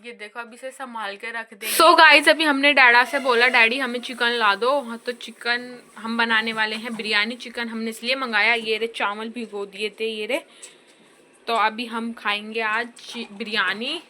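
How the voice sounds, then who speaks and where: A woman chats through a casual home cooking vlog in a bright, slightly high voice, teasing herself as she goes. She is filmed on a phone in a roomy home kitchen, with a faint hum of noise behind her. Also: steady tone, unhurried. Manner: chatty and self-teasing, laughs at herself. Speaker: vlogger.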